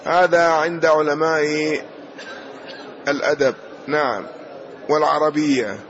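Slow, deliberate male hadith teacher. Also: a little high, fairly even intonation, a bit bright, slight background noise. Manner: measured, punctuates with "na'am". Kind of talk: slow explanatory lesson commentary. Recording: dull lo-fi recording.

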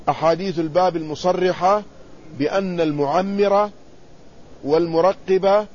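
High-voiced man explaining a hadith text. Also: darkish tone. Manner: reads quoted text then explains it plainly, pausing to ask and answer himself. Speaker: Islamic scholar teaching hadith. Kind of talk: explanatory lesson reading and commenting on a text. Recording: slightly muffled recording with faint background noise.

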